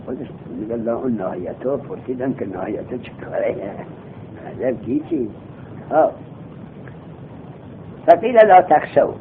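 A man teaching Arabic grammar in a classroom lesson. He reads each line of the text slowly, then explains it and quizzes his students. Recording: tinny phone-like recording with faint rumble.

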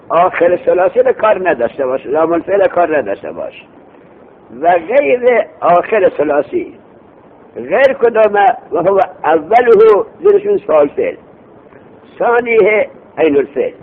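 Male teacher, repeats and quizzes students, high lively voice. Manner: lively, repeats terms, asks students questions. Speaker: teacher of Arabic morphology. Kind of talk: classroom lesson, explaining and quizzing. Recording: tinny phone-like recording with faint rumble.

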